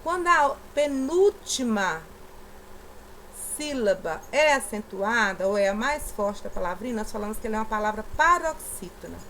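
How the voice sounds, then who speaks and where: A woman's voice: a little high, expressive, moderate pace, a bit bright, a little hiss or hum, rough recording. A Brazilian woman from the southeast, a primary school teacher patiently explaining a lesson and stressing syllables aloud.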